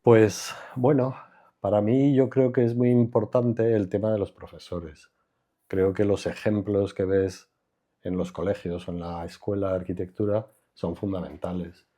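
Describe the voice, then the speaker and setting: Low, husky-voiced older man. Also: flat delivery, warm tone. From Madrid, Spain. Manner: reflective, unhurried, trails off with fillers. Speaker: architect, interview guest. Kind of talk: relaxed conversational interview.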